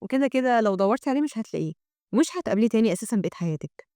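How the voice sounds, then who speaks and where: A woman's voice: on the high side, lively intonation, very fast, dark tone, no room sound, clean studio sound. A woman with an Egyptian Arabic accent voicing a protective, short-tempered young male mage, reading his lines curtly. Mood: scolding.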